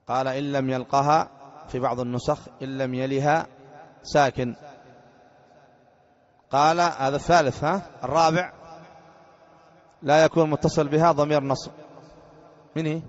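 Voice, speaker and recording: A man's voice: on the high side, steady tone, normal speed, long pauses. A man teaching a grammar lesson as a sheikh, repeating each point and putting short questions to his students. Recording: dull lo-fi lecture recording.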